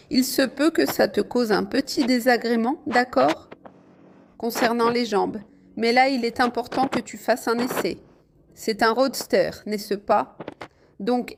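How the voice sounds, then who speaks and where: Riding a motorcycle in the rain through the city, a woman with a slightly high voice keeps up casual commentary, chatting and exclaiming to her viewers. A little hiss or hum is audible.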